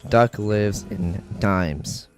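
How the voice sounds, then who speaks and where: A man playing a game and reading its text aloud in a casual, halting way. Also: fairly low pitch. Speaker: gameplay video creator. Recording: faint game music behind.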